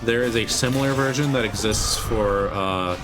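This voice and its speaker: A man's voice: on the low side, moderate pace. A man chatting casually on a live game stream as a VTuber, joking and rambling as he answers viewers. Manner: joking, rambling, self-deprecating, casually profane. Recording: loud game music behind the voice. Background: video game music.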